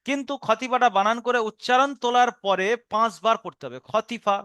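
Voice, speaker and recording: Bengali-accented guy teaching quran reading, high smooth voice, super dry close mic, goes slow n patient. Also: bright, forceful tone, no room sound. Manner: patient step-by-step explanation, spelling out syllables slowly. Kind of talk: recorded online lesson.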